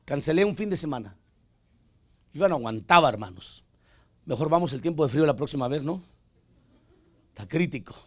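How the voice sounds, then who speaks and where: A man with a high voice preaches from a church pulpit. He shifts between fervent, loud declarations and soft, joking asides, and keeps addressing the congregation as his brothers. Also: lively intonation, fairly quick, pauses often, no echo. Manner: calls out "hermano" to the congregation. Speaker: pastor. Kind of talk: Spanish sermon. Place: church sanctuary.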